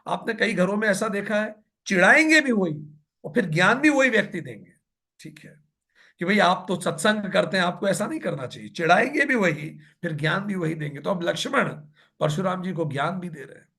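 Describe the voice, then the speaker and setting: A man giving a scripture discourse, reciting verses slowly and then explaining them in an animated, conversational way. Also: high-pitched, creaky. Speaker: spiritual teacher explaining scripture.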